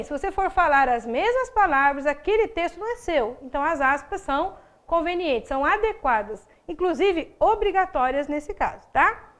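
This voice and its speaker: Brazilian woman, very high voice, patient teacher walking through grammar points. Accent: Brazilian Portuguese. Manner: explanatory, frequent tag questions. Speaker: Portuguese teacher. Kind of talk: recorded video lesson.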